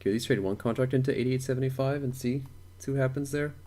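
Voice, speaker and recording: A man's voice: mid-range voice, fast talker, mellow. A young man thinking aloud while day trading on a live stream, repeating words and chuckling to himself.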